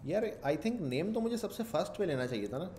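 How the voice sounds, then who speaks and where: A man's voice: high voice, big pitch swings, fairly quick, a little mellow, slight background noise. A man teaching a casual coding lecture, thinking aloud and slipping English terms into his talk. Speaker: programming instructor.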